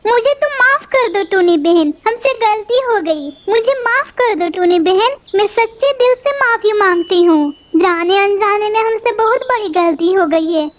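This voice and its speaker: Woman as a shrill, touchy cartoon parrot, very high and squeaky, quick to quarrel. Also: animated, slight background noise. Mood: apologetic. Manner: shrill, snapping and vengeful. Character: quarrelsome hot-tempered female parrot. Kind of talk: cartoon voice acting.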